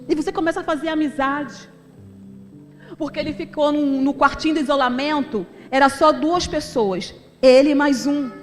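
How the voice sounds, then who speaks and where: Brief: middle-aged woman, high voice, heartfelt church testimony, long hall reverb. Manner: emotional, conversational, addresses the congregation as brothers. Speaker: deaconess giving a testimony. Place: church sanctuary.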